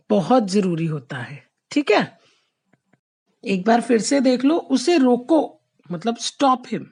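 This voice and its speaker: A woman teaching a Hindi lesson to children, explaining slowly and patiently and often checking that they follow. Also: medium pitch, a little mellow. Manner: patient, repeats "ठीक है?" checks; slows right down to read example sentences. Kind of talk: slow classroom explanation to children.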